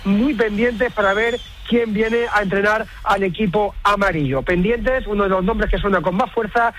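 A man's voice: high voice, normal speed, a bit bright, slight background noise. A man with an accent from Spain gives a breaking sports news report on the radio, repeating the key line for emphasis.

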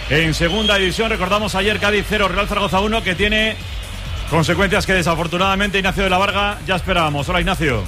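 A male sports radio host with a Spain accent runs through a live round-up at a quick pace. His voice sits high, over prominent music. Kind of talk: live sports round-up, reading scores and handing over to reporters.

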